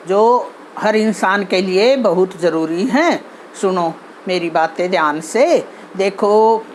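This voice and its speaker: A woman's voice: fairly low pitch, a little hiss or hum. A woman with a Haryanvi accent hosting her channel, talking earnestly about social behavior with many fillers and restarts. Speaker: channel host giving advice. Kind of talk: casual talk on social behavior.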